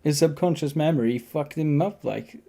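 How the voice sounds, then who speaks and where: Higher mellow man, blunt. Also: normal speed, creaky. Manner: blunt, swears casually. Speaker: podcast co-host. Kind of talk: casual chat.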